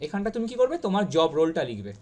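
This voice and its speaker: A Bengali-accented woman teaching an online spoken-English class, repeating each word slowly and with emphasis. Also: on the low side, sing-song, darkish tone. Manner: drills pronunciation by repeating words slowly and emphatically.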